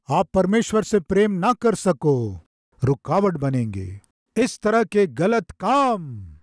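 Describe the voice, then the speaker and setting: A man in his forties preaching from a stage lectern, slow and emphatic, with repeated phrases and dramatic pauses. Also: a little high, darkish tone, dry recording, studio quality. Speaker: pastor. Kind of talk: sermon. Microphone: podium microphone.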